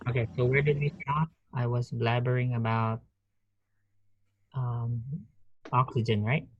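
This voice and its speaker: A man's voice: mid-range voice, little pitch movement, measured pace, dry recording, highs cut off. A man teaching a nursing class over a video call, talking casually, restarting sentences and quizzing students. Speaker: nursing professor. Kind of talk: online class lecture.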